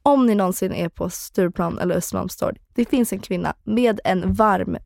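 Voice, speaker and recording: A woman's voice: medium pitch, vocal fry, dry recording, studio quality. A woman co-hosting a podcast in casual chat, telling a story with lots of acted voices and English slipped in. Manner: animated storyteller, acts out voices, mixes English into Swedish. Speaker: podcast co-host.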